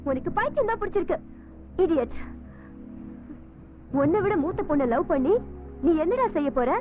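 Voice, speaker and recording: A woman's voice: very high-pitched, very animated, normal speed. An actress in a film scene, playing an older woman who scolds a young man for his obsessive love. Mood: scornful. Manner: scolding, exasperated. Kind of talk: film dialogue. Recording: phone-like film audio with music.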